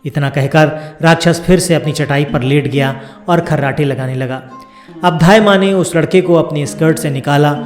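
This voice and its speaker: कहानी सुनाता पुरुष, गूंजता कमरा. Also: male voice, a little high, moderate pace. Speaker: storyteller. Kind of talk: scripted fairy tale narration. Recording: roomy sound with soft background music.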